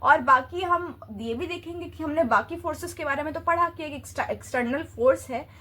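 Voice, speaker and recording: A woman's voice: high-pitched, fairly quick, sharp tone. A woman teaching a physics lesson, explaining step by step with rhetorical questions and mixing English terms into her speech. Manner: mixes English terms into Hindi; frequent fillers and restarts.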